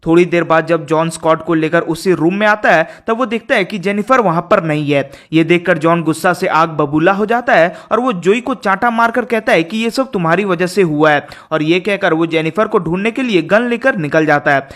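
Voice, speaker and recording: A man narrating a movie plot recap in a steady, even storytelling delivery. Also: high-pitched, normal speed, hardly any pauses.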